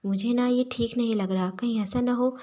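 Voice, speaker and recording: A woman's voice: a little high, steady tone, moderate pace, dark tone, natural voice. A woman voicing a reserved male professor who speaks in a hesitant, reluctant way. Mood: nervous. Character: stiff reserved male professor, anxious and proper.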